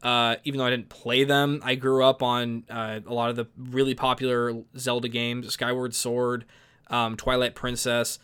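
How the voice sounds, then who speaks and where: A man's voice: medium pitch, flat delivery, moderate pace, fairly bright tone, clear, resonant tone. A man in his early twenties, giving casual spoken commentary in an opinionated, exasperated way that is full of restarts and repeated words. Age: young adult.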